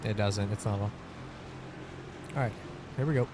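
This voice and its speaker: Male sim racer over clear engine noise. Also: on the low side, normal speed. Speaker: sim racing driver and streamer. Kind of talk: casual gameplay chat while driving. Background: car engine noise.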